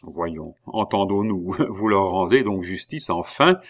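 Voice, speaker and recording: A man playing a dry ironic king, humming before lines, somewhat low, storybook reading. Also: lively intonation, measured pace. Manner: drawling, grunts and hums before lines. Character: King Louis XVI, calm, dry, ironic middle-aged man. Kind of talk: audiobook character reading.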